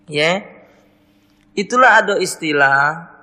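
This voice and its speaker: A man's voice: on the high side, expressive, slow, sharp tone, long reverb tail. A man with a Palembang Malay accent, a radio preacher answering listeners' questions and telling folksy stories in local dialect. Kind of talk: radio religious Q&A and storytelling. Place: radio studio.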